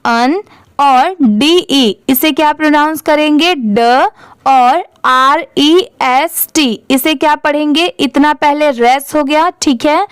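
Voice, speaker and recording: A woman's voice: high-pitched, dry recording. A woman teaching English reading, spelling words out letter by letter and asking questions she answers herself. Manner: spells words letter by letter, then says them slowly; asks learners questions and answers them herself. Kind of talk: slow spelling-out reading lesson.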